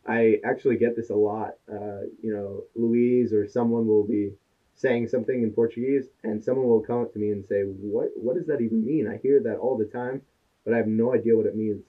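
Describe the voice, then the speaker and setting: This podcast co-host speaks fairly quickly in a lowish voice with fairly even intonation. A native English speaker, he chats casually, spinning anecdotes and quoting others along the way, over tinny, phone-like audio.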